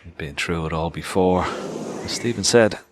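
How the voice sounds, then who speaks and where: A man's voice: sits low, measured pace, noisy background. A man giving conversational live snooker commentary as a match commentator.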